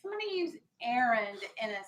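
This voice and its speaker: Speaking fast with big swings in her fairly high pitch, an American woman leads young children through vocabulary in class. As their elementary teacher, she directs them and keeps asking questions.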